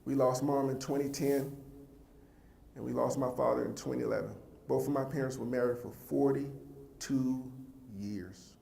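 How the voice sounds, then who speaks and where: A man's voice: mid-range voice, steady tone, normal speed, gravelly, warm tone, slight background noise. Earnest male speaker in an echoey hall. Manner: emphatic, addresses the audience directly; heartfelt and earnest. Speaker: youth motivational speaker. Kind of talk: motivational speech to a young audience. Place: large event hall with a live audience. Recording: echoey hall with faint ambience.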